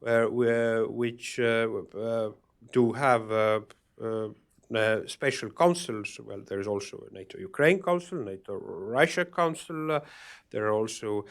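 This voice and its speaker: A man speaking at a panel event, answering audience questions in a halting way, with many fillers and restarts. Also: lowish voice, smooth. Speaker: panel speaker on security policy.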